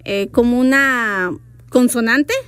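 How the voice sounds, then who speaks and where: A woman's voice: a little high, slow pace, a bit bright, smooth, no echo. A woman whose first language is Zoque, a radio guest patiently explaining her language and spelling words out. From Veracruz, Mexico. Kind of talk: radio interview, explaining writing rules.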